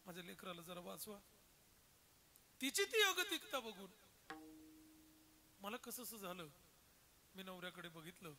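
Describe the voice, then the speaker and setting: A man's voice: high voice, animated, measured pace, pauses often, sharp tone. A man with a Marathi accent preaching a devotional kirtan, telling an emotional story and acting out the voices in quotes.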